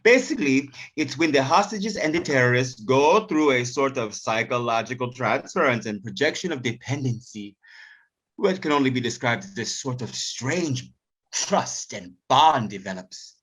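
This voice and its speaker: A man's voice: mid-range voice, animated, moderate pace, a bit bright, breathy edge. Man playing a pompous TV terrorism pundit. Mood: lecturing. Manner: pompous, lecturing. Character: pompous male TV terrorism expert.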